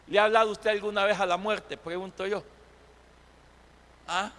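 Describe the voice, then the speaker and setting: A male pastor preaching a sermon, breaking into shouts and then dropping to near whispers. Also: sits high, steady tone, normal speed, in a large hall. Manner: preaching with sudden shouts and dramatic drops in volume.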